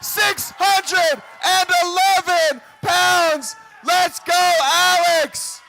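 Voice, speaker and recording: High-pitched, shouting male powerlifting announcer. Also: steady tone, rough recording. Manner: booming, shouted showman's calls with drawn-out numbers and urging. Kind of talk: live sports announcing, hyping up the crowd. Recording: crowd noise in a live venue.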